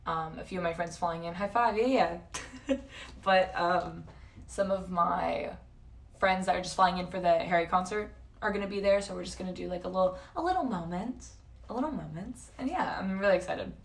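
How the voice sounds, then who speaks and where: With a lowish, creaky voice at a normal pace, an early-twenties woman from San Jose and Toronto talks casually to her livestream audience in a North American accent. She rambles, uses slang, interrupts herself, and is heard through a distant mic.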